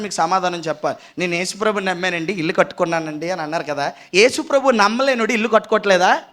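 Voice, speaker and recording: A man preaching a sermon at a youth seminar, firing rhetorical questions and urging the crowd to answer loudly. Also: sits high. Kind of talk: lively Telugu sermon.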